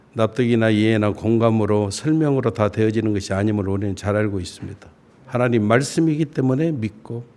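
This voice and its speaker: A middle-aged man preaching a sermon as a pastor, folksy and self-deprecating, with slow deliberate phrasing that rises on key words. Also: mid-range voice, a little mellow. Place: church sanctuary.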